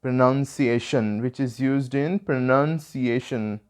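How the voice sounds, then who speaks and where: A young Indian man teaches in an Indian English accent, speaking slowly and taking each point one at a time. His voice is smooth and clear, and he pauses to model sounds for the learner. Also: medium pitch. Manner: patient, explains step by step, demonstrates sounds. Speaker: language tutor. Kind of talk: online language lesson.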